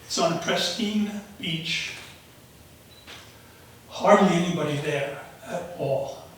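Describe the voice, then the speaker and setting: A man in his seventies from New York, telling a personal story live in measured short phrases with pauses. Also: a little high. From United States, raised in the Bronx. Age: 70s. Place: auditorium stage. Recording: very echoey auditorium, noisy, distant.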